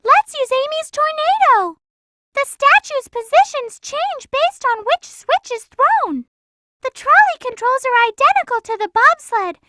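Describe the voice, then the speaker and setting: A woman voicing a polite, gentle little girl rabbit in a video game, speaking earnestly and helpfully. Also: very high-pitched, very animated, a little slow, noisy background, heavily acted. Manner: polite, well-mannered, earnest helper.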